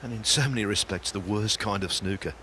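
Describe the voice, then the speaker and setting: A man giving live snooker commentary in measured, wry phrases. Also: fairly low pitch, sharp tone. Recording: faint noise, audience sounds behind. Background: snooker hall crowd.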